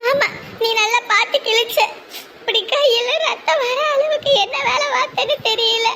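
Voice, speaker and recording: A woman's voice: very high voice, fairly even intonation, normal speed, a crowd in the background. A woman voicing a thrifty village mother who laments and scolds in broad rural speech. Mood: pleading.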